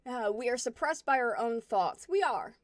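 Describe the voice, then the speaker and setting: A woman's voice: on the high side, animated, moderate pace, no echo. A woman in her twenties chatting casually with her stream viewers, candid and rambling as she reflects and reacts to comments. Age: 20s.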